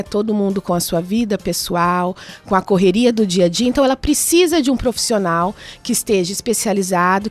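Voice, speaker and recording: A woman with a Brazilian Portuguese accent, a nurse answering interview questions in a radio studio, listing points and checking in with tag questions. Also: fairly high pitch. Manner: explanatory, lists points with frequent tag questions.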